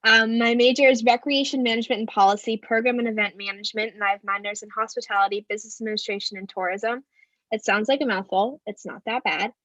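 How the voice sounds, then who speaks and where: A young woman from New Hampshire on a casual video call panel, joking and relaxed. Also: a little high, fast, dry recording. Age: young adult. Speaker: student panelist. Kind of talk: casual livestream Q&A. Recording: dull, dry lo-fi call audio.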